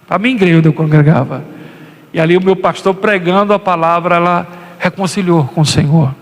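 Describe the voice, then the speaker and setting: A Brazilian man preaching a sermon as pastor, impassioned and swinging into high, acted quotes. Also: brisk, in a large hall.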